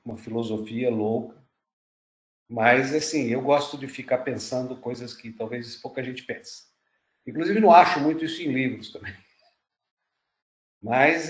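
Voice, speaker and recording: Pastor in his sixties, roomy sound. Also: mid-range voice. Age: 60s. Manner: conversational, musing, tells stories with quoted dialogue. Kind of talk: teaching a church class. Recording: roomy echo.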